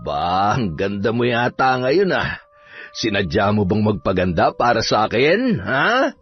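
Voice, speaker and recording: A man voicing a drunk, abusive middle-aged father who yells and threatens. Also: lowish voice, big pitch swings, unhurried, husky, heavily acted. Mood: drunk mocking. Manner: slurring, bullying, yelling threats. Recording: dull audio, soft music behind.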